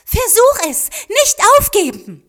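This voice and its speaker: A woman voicing a young girl who is hopeful and tearful, calling out high and loud. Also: huge pitch swings, exaggerated voice. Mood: encouraging. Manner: high, loud, drawn-out calls.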